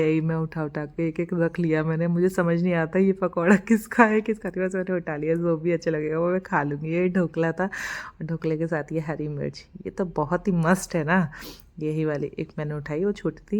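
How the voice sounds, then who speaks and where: A young woman talks through her vlog in a relaxed, rambling voice-over and laughs at her own asides. Her voice sits a little low for a woman. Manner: chatty, rambling, laughs at herself. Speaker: vlogger.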